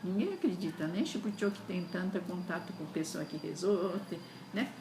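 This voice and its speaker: A woman's voice: fairly low pitch, moderate pace. A woman giving an earnest, repetitive spiritual talk, often ending phrases with a questioning tag. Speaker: spiritual speaker. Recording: roomy echo with steady background noise.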